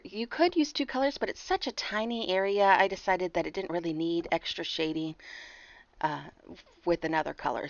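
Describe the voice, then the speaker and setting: Kinda hoarse lady chatting thru her card making, lowish voice, dry dull sound. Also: no echo. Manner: chatty, talks through each step with fillers and apologies. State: a bit hoarse, clearing her throat. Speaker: card-making tutorial host. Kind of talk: casual voice-over narration.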